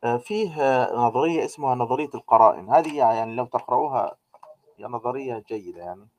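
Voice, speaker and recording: A man teaching a grammar lesson. He explains step by step, asking rhetorical questions and filling pauses with drawn-out "aah" sounds. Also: medium pitch, animated, darkish tone. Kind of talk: grammar lecture.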